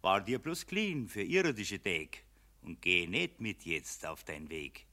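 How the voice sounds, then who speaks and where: Sneering bavarian money demon in a radio play, swoops all over the place, bright, drags it out. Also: male voice, sits low, sing-song, slow, exaggerated voice. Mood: taunting. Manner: taunting, sneering, gloating laughter. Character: mocking male spirit of money, Mammon, gloating. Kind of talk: broadcast radio play acting.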